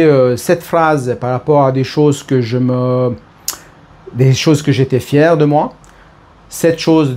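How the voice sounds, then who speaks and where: A man's voice: mid-range voice, mellow. A middle-aged man with an Italian accent, talking casually to camera about personal growth and often restarting his phrases. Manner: hesitant, restarts phrases, speaks to the listener as tu. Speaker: personal development speaker.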